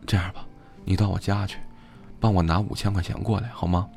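A man voicing an injured young man who speaks weakly, breathy and faint. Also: deep voice, flat delivery, a little fast, a little mellow, soft background music.

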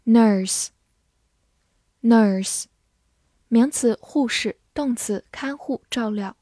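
A woman teaching English vocabulary in a scripted lesson. She says each English word twice, clearly, then explains it. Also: a little high, very slow, mellow, no room sound, clean studio sound.

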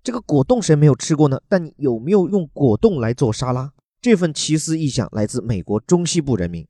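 Chatty english teacher guy from china, spells words out, dark mellow voice, dry close mic. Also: fairly high pitch, big pitch swings, fairly quick, dry recording. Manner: chatty, joking asides, spells words out letter by letter. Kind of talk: explaining English vocabulary from a news article.

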